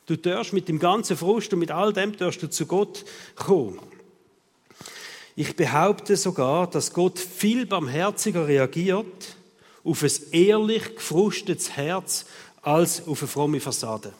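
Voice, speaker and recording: A man's voice: high voice, animated, takes it slowly, darkish tone. A man with a Swiss German accent preaching a sermon in a casual, conversational way, often checking in with his listeners through short tag questions. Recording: long reverb of a hall.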